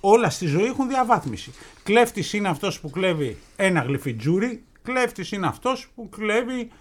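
Guy on a radio show, slightly high voice, stretches his words out for drama, jokey. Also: very animated. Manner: playful, drawn-out storytelling with dramatic pauses. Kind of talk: casual radio banter.

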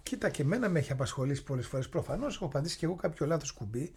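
A man with a husky, slightly rough voice hosts an interview. He talks in a relaxed, chatty way and brings in anecdotes from his own experience. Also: on the high side. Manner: chatty, tells personal stories. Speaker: interview host. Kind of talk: conversational interview.

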